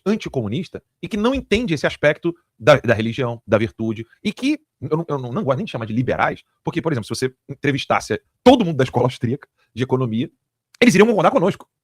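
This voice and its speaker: A man's voice: on the high side, very animated, dry recording. A man hosting a live political talk show from a studio, with heated, emphatic, repetitive commentary. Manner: rapid, emphatic, repetitive, crude jokes.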